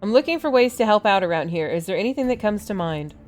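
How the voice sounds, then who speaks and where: A woman's voice: medium pitch, animated, quick pace, faint music behind. A woman giving casual, playful commentary as she plays a game, reading dialogue choices and reacting aloud. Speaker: gamer playing through a game.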